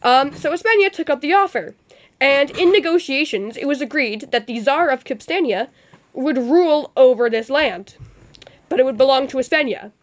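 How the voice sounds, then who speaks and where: A woman playing a sarcastic male news anchor, reading her reports in a deadpan tone with dry asides. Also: high voice, moderate pace, highs cut off, lightly acted. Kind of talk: amateur mock newscast.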